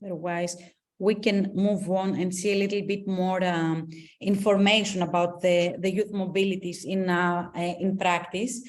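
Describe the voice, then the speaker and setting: A woman's voice: on the low side, level tone, moderate pace. Spanish-accented woman running a webinar. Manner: patient, advising explanations. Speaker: webinar facilitator. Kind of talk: online webinar Q&A.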